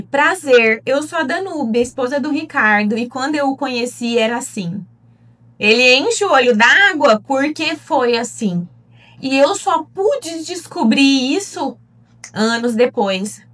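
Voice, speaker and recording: A woman's voice: sits high, a bit bright. A Brazilian woman, a relationship therapist, giving an earnest teaching talk and asking her listeners direct questions. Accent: Brazilian Portuguese. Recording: voice a bit distant from the mic.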